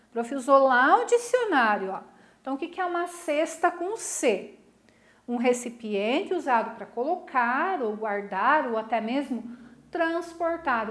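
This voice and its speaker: A woman's voice: sits high, roomy sound. A middle-aged woman teacher giving a recorded class, asking questions and checking in with her students often. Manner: lively, questioning, warm teacher talk with "né?" tags. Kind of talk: recorded online class lesson.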